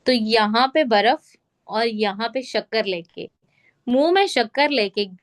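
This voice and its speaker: A woman leads a training session over a call. Her voice sits high, and she explains step by step, often asking whether everyone is following. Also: lively intonation, a little slow. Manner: instructive, repeats check questions. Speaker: sales trainer. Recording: call audio.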